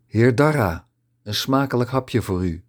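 Coarse gleeful soldier, gloating and slow, put on by a male storybook narrator. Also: mid-range voice, animated, voice pushed up. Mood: leering glee.

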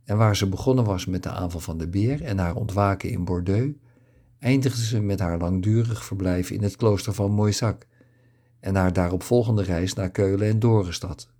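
A man reading a novel aloud as a calm, even narrator. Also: sits low, moderate pace. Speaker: audiobook narrator. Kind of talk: scripted narration.

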